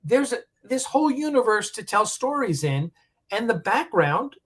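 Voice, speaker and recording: A man's voice: extremely high pitch, sing-song, normal speed, a bit bright. Emphatic man in his sixties. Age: 60s. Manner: emphatic, firm, with repeated openers. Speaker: podcast host. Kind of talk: casual opinionated chat.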